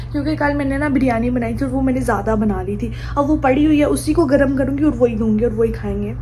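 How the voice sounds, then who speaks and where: A young woman chatting casually in a home vlog, repeating herself and mixing in English words. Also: high-pitched. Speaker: vlogger. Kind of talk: casual daily vlog chat. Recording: home video with clear background noise.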